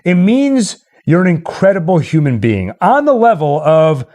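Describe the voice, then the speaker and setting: A man with a voice on the high side, very animated at a moderate pace and darkish in tone, hosts a casual livestream, chatting and signing off in a jokey, rambling way. Halloween novelty songs play behind his voice.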